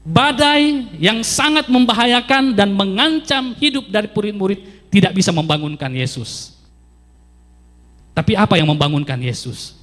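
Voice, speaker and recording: Guy preaching a sermon, high voice, swings loud and soft, says things twice, big echoey hall. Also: moderate pace. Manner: emphatic preaching with sweeping rises and drops in pitch and loudness; repeats phrases for emphasis. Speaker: pastor.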